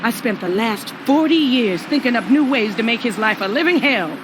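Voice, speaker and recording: A woman's voice: on the high side, expressive, normal speed, background noise, lightly acted. A woman playing a sassy, blunt, grudge-holding ghost of an older mother in a cartoon video game. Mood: vengeful.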